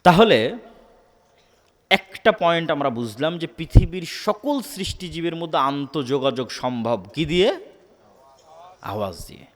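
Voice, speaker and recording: A man's voice: fairly high pitch, very animated, a little slow, long pauses, in a large hall. A man preaching an Islamic sermon to a live gathering, repeating key words and posing questions for the crowd to answer.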